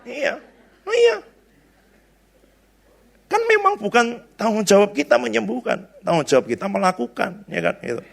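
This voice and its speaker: Gravelly-voiced man preaching casually. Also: high voice, huge pitch swings, brisk, hardly any pauses. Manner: chatty, storytelling, tag questions. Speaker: pastor. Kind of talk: conversational sermon.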